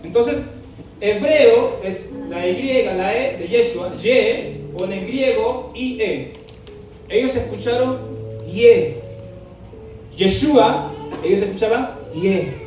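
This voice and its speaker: A man's voice: sits high, slow, long pauses, a little mellow. A man teaching a Bible class, asking his students questions and spelling words out letter by letter. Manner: asks the class questions often. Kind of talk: classroom lesson with dictation. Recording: very echoey room, mic far off, faint music.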